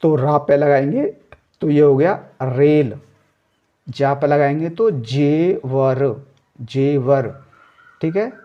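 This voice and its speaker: Slow, patient man teaching reading. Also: on the high side, dull audio. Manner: spells words syllable by syllable, then says them whole; checks in with a frequent "ठीक है". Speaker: Hindi teacher. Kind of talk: slow step-by-step reading lesson.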